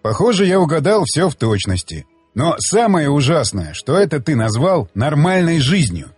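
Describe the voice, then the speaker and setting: A man's voice: fairly high pitch, very animated, normal speed, breathy edge, no echo, soft background music. A man voicing a sardonic, needling companion. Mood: mocking. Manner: needling, lecturing like a patient mentor. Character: sardonic male companion, blunt and mocking. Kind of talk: audiobook dialogue reading.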